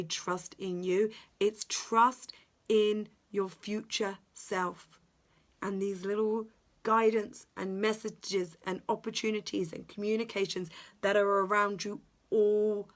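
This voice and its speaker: A woman's voice: mid-range voice, steady tone, slow, a bit bright. A woman speaking as a self-development coach in a motivational podcast monologue, earnest and emphatic, with repeated phrasing and the odd drop into a whisper.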